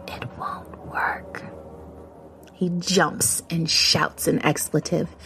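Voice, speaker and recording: A woman reading her own first-person horror story aloud, measured and often dropping to a hushed whisper. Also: low-pitched, creaky.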